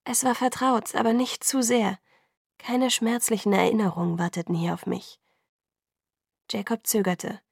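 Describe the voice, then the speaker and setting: A woman narrating an audiobook in first person, calm and measured, close to the mic. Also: on the high side, creaky, slightly rough, no echo.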